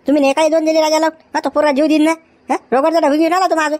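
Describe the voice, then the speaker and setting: A woman, playing a flustered middle-aged village uncle who scolds excitably. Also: high-pitched, racing, natural voice.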